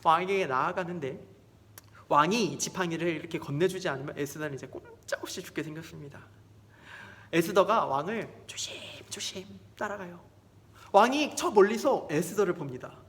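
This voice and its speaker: A man preaching a children's sermon, telling a story in an animated, expressive way. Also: sits high, normal speed. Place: church sanctuary. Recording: long church hall reverb.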